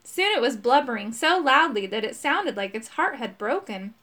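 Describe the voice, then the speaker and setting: A woman narrating a storybook with plenty of expression. Her voice sits fairly high and leaps around in pitch. She leans into the suspense and the silly moments alike. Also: moderate pace. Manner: expressive, dramatic reading. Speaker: audiobook narrator.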